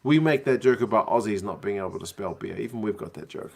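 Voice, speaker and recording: A young man talks quickly in a lowish voice with vocal fry while chatting on a rugby watch-along stream and reading out what viewers send. His New Zealand accent has blurred after years abroad, and his manner is relaxed, chatty and full of slang.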